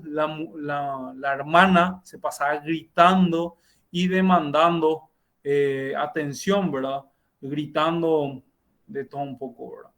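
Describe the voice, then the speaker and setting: A middle-aged man, a doctor teaching a class, tells a clinical case in a halting way with frequent restarts and tag questions, heard over a video call. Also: on the high side. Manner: halting, many self-corrections and tag questions. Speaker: university lecturer and doctor. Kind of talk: lecturing with a clinical case story.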